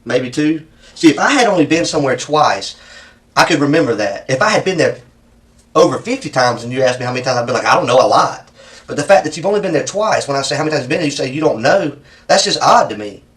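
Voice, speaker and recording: A man's voice: fairly high pitch, animated, fast talker, a bit bright, recorded from a distance. A man with a Southern US accent questioning someone as a police interrogator, persistent, probing and folksy, often repeating answers back as questions.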